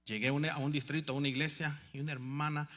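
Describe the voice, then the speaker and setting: Animated preacher with a bright voice. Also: male voice, fairly high pitch, quick pace. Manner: animated, swings from hushed to loud emphatic. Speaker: pastor. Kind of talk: storytelling sermon.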